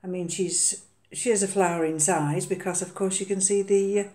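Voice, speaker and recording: An older woman with a medium-pitched, steady, dark voice chats casually at a moderate pace while potting an orchid in her home kitchen, and the room makes her sound roomy. She's an orchid vlogger, and her talk is hesitant, full of ums and uhs.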